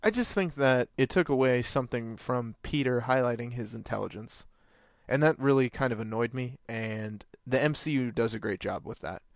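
A man's voice: medium pitch, moderate pace, dry recording, studio quality. A man co-hosting a casual movie discussion, giving plain-spoken opinions. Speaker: podcast co-host.

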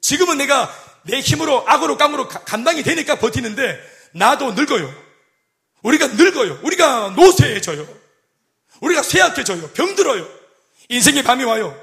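A middle-aged man preaching a sermon as pastor, animated and joking, acting out quoted voices. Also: very high-pitched, normal speed, vocal fry. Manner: animated, acts out quoted voices and jokes with the congregation.

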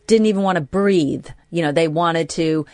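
A woman co-hosting a radio show, chatting in an animated, rambling, self-deprecating way. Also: low voice, normal speed, no echo, studio quality. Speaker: radio co-host. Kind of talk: casual radio chat.

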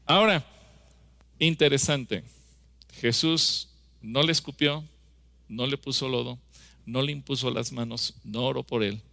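Gravelly, bright-voiced emphatic preacher man. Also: mid-range voice, a little slow, pauses often, no room sound. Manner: emphatic, acts out scripture dialogue; asks the congregation rhetorical questions. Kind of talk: sermon.

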